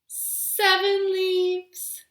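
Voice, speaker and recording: A woman with a very high, slightly bright voice hosts a children's storytime very slowly, her delivery completely flat. She's a librarian using a sing-song style that stretches repeated words and gives simple, encouraging instructions, in a roomy, echoing living room.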